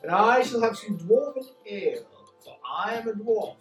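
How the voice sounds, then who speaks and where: A woman's voice: mid-range voice, lively intonation, normal speed, distant mic. A woman playing a tabletop role-playing game, chatting casually with hesitant fillers. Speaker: player. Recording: echoey room, off-mic, faint music.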